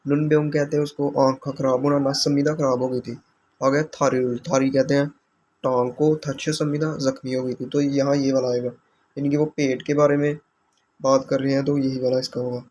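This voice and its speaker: Flat-toned man patiently explaining a lesson. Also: mid-range voice, a little fast, a little hiss or hum. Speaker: language teacher. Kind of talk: explaining exam questions.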